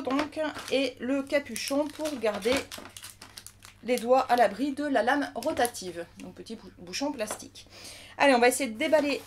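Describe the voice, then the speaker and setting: A woman from France talks her way through an unboxing in a relaxed, chatty manner, thinking aloud as she handles each piece. Her voice sits a little high for a woman. Faint clicks can be heard behind her. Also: slight background noise. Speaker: crafting vlogger. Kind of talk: casual unboxing commentary.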